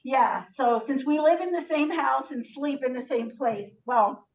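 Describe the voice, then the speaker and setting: A middle-aged woman speaking through a face mask, her voice muffled, giving a halting, encouraging, informal workshop talk. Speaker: ministry trainer leading a teacher training. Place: echoey room, speaking to a group. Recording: muffled, echoey room recording, distant mic, rumble.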